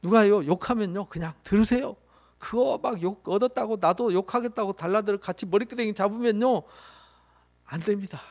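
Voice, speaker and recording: High-voiced emphatic male pastor. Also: a little fast, darkish tone. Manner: emphatic, with frequent rhetorical questions. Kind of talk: sermon.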